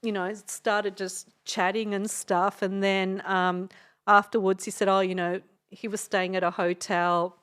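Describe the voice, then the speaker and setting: A woman's voice: medium pitch, flat delivery, unhurried, a bit bright, clean tone. A middle-aged Australian woman, a DJ and radio host, telling a story in a casual podcast interview, rambling with frequent hesitations and laughs.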